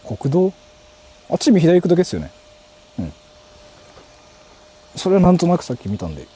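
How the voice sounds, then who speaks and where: Speaking very fast with huge swings in pitch, this man has a slightly high, mellow voice. He's a livestreamer from Japan touring haunted places on foot in the countryside, talking casually to his audience, musing out loud and swearing often. Outdoor noise fills the stream.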